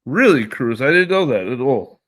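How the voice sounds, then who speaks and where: A man hosting a casual live stream, reading viewer comments aloud and answering them in a relaxed, slangy way. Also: mid-range voice, moderate pace. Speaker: livestream host reading chat.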